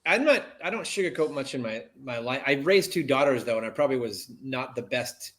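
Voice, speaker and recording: A man's voice: medium pitch, pushed and bright. A middle-aged man answering as an interview guest, plainspoken and sarcastic, laughing at himself.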